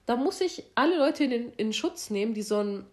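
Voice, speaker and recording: A woman's voice: a little high, expressive, brisk, a little mellow. A young woman in casual chat, blunt and outspoken in how she talks.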